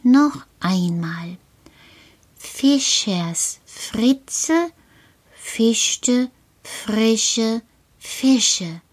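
A woman performs a friendly little male creature from an underground burrow, in a children's puppet-style dialogue. The voice sits high and moves slowly, patient and coaxing, often sinking into a hushed whisper. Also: expressive. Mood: patient coaching. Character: cheerful little male cave-dwelling earth creature.

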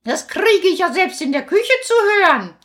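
A woman voicing a kind, fussy old grandmother who scolds gently in a children's story. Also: very high voice, sing-song, normal speed, pitched above the performer's own voice, heavily acted. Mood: delighted.

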